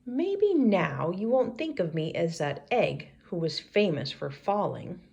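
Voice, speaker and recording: A woman reading a picture book aloud to children in an expressive storybook style, like a teacher. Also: on the low side, gravelly. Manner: pauses to ask children questions.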